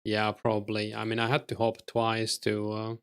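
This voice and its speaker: A game streamer from Finland, speaking with a Finnish accent, chats casually with his stream chat while playing, answering viewers' questions in an easygoing way full of fillers. His voice sits on the low side, completely flat, at a moderate pace with a clean tone.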